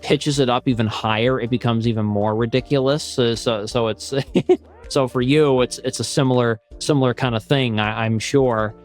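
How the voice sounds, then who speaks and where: Rambling halting male podcast host. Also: mid-range voice, steady tone, faint music behind. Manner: rambling, halting, many restarts and "like". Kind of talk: casual podcast chat.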